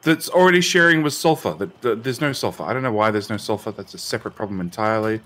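A man's voice: on the low side, animated, fast, a bit bright. A man co-hosting a game session, with dry, sarcastic remarks. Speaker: co-host and player. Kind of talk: casual gaming chat.

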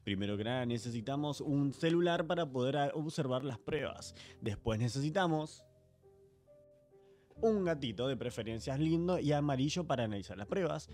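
A man with a Rioplatense Spanish accent voicing a deadpan, pompous male forensic investigator in a gameplay video, speaking hushed and solemn over background music. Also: mid-range voice, moderate pace, lightly acted. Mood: mock-solemn. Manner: hushed, solemn mock-expert delivery.

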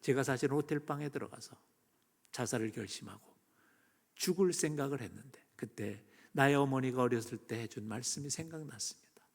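Pastor guy preaching, loud then near whisper, fairly high lively voice, big echoey church. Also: creaky. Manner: swings between loud emphasis and hushed near-whispers. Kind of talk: sermon. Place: church sanctuary. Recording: long church reverb.

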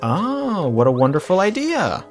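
A man's voice: high voice, wildly swooping pitch, a little slow. Rambling man narrating a video game. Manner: rambling, jokey asides. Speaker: let's play commentator. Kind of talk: casual gameplay commentary. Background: game music.

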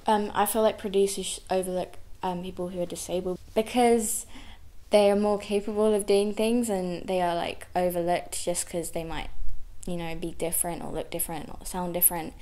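Young woman with a flat, low voice. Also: moderate pace. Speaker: interviewee. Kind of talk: casual vox pop answer. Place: small indoor room by a door.

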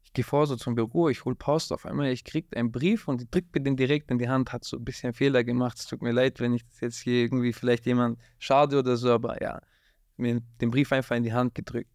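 Seated in a dark studio glowing with blue lights, a guest rapper tells animated stories fast in a casual interview setting. The close boom-arm mic gives his mid-pitched voice a dry sound, and he peppers everything with street slang and a constant "Bruder."

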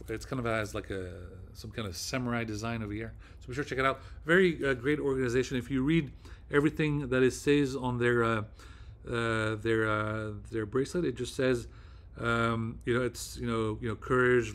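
Rambling agitated male vlogger. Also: mid-range voice. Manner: rambling, agitated, swearing, many fillers. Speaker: video host. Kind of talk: casual monologue.

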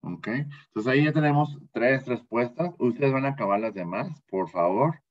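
A man with a Mexican Spanish accent who teaches an English class, speaking patiently and repeating vocabulary slowly so students can copy it. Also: mid-range voice, lo-fi sound. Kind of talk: bilingual classroom lesson.

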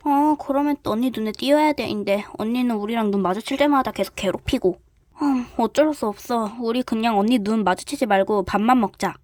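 A woman doing a squeaky little rabbit girl. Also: fairly quick, no echo, lightly acted. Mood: nervous. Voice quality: high, bright childlike voice. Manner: ends lines with a squeak. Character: sweet timid little female rabbit.

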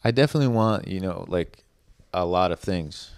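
A man's voice: low voice, expressive, moderate pace, clear, resonant tone, no room sound. A young man in his early twenties chatting casually on a podcast, rambling and leaning on fillers like "like" and "you know.". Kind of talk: casual chat.

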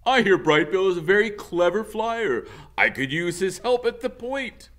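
A man's voice: sits high, sing-song, moderate pace, fairly bright tone, pitched above the performer's own voice. A man voicing a big, commanding male goose in a storybook, making formal announcements to his flock. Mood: assured.

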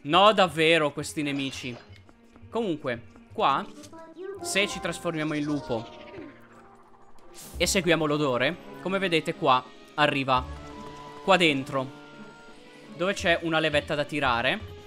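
A man hosting a let's play, commenting on gameplay and yelping excitedly at enemies. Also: fairly high pitch, unhurried, long pauses, soft background music. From Italy. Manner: excitable, yelps and shouts at enemies.

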